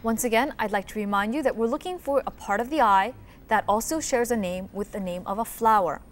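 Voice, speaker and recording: Slightly high-voiced woman hosting a quiz show. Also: brisk.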